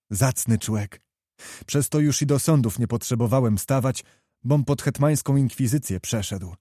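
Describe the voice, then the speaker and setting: A man's voice: mid-range voice, mellow, no room sound, studio quality, close to an everyday voice. A man voicing a fiery young knight who pleads earnestly and passionately.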